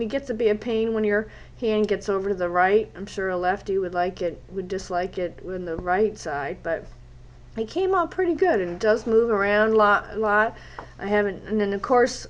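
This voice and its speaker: Chatty congested woman. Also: mid-range voice. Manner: rambling, chatty, wanders off topic. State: congested from a cold. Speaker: fitness instructor and journaling vlogger. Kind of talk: casual chat while drawing.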